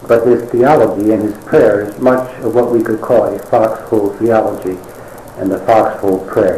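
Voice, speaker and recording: A man delivers a sermon in a wry, conversational way, with drawn-out dramatic pauses. His voice is mellow and warm. The room is echoey, with faint ambient noise behind him. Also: fairly low pitch. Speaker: preacher.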